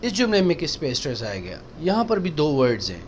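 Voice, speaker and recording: A man teaching spoken English, explaining slowly and repeating example sentences for practice. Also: a little high, huge pitch swings, slight background noise.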